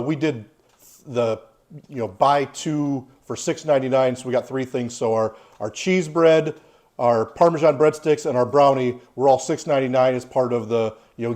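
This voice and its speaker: A man's voice: mid-range voice, a little mellow. A man in his forties giving a casual, plain-spoken food review with his child. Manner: easygoing, plain-spoken, opinionated.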